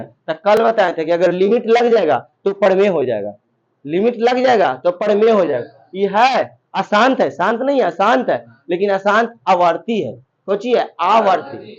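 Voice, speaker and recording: High-voiced male math teacher, drills and quizzes the class, lo-fi sound. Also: darkish tone. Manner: repetitive, quizzing students, drilling answers. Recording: dull lo-fi recording.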